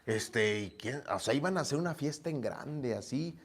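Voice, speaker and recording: A man's voice: mid-range voice, moderate pace. A man preaching a sermon, telling stories and acting out the dialogue in them. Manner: storytelling, acts out dialogue with lively shifts. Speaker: pastor.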